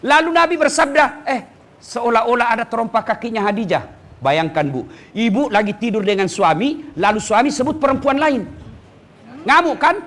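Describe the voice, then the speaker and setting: A middle-aged man giving a humorous sermon to a women's study group, playfully mimicking wives and husbands between loud punchlines and low asides. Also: lively intonation, normal speed. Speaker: preacher.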